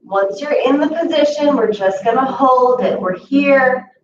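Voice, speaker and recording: A young adult woman guiding a chair yoga class, calmly cueing each step and slowing down to hold the poses. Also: sits high. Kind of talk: guided exercise instruction. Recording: distant, roomy, dull audio with steady background noise.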